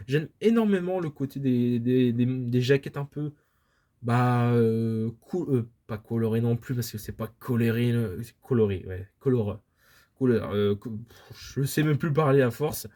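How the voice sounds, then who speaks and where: A man's voice: mid-range voice, measured pace, mellow. Casual male vlogger, mid-range voice, rambling and hesitant delivery. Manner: rambling, hesitant, many fillers and restarts. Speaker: manga collector vlogger. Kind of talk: casual haul video chat. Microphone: camera filming books, speaker off-frame.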